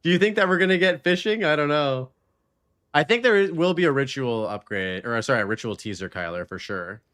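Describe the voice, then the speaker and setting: Quiet game audio and voices murmur faintly behind this man as he live-streams and chats as host. He talks a little fast in a voice on the high side, using casual gamer slang over the gameplay.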